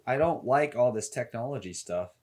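A man's voice: medium pitch, lively intonation, normal speed, a little mellow, slight background noise. A young man co-hosting a podcast in casual chat, laid-back and joking. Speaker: podcast co-host.

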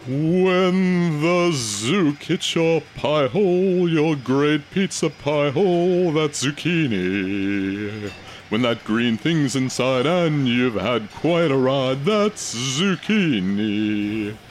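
A man singing a goofy crooner-style jingle in a high, drawn-out voice. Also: expressive, a little hiss or hum. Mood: crooning.

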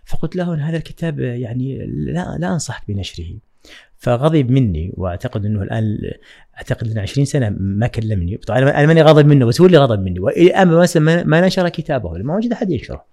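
Fast-talking man with a dark tone. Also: medium pitch, very animated. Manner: measured, reflective, with frequent hesitations. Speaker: guest, writing trainer. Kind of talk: podcast interview.

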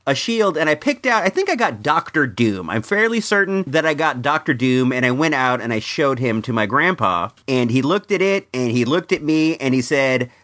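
A middle-aged man talks casually as a toy review host, mixing nostalgic stories with wry commentary. His pitch moves around in a lively way. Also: normal speed, few pauses. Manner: conversational, wry. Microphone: microphone in a room.

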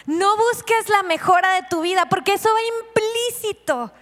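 This woman pastor has an extremely high pitch and speaks at a moderate pace, her voice followed by a long reverb tail. She preaches with energy, asking the congregation questions and acting out each scene she recounts.

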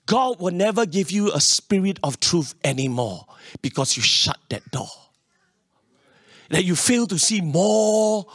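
Delivering a sermon full of personal stories, this man speaks Singlish with a Singaporean accent, using particles such as leh, eh and huh. His voice is high and a bit bright, captured in studio quality without any room sound. He repeats phrases for emphasis and keeps asking his congregation to respond.

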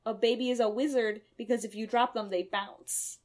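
A woman's voice: fairly high pitch, steady tone, normal speed, darkish tone. A woman with a Midwestern American accent co-hosting a podcast in casual chat, playful, laughing often and correcting details. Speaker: podcast co-host.

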